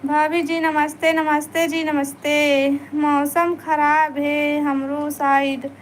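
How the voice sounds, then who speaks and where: A high-pitched woman with a Chhattisgarhi accent talks casually on a phone live stream, pleading with viewers to stay a little longer. Faint background noise runs under her voice. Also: flat delivery, slow pace. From Chhattisgarh, India.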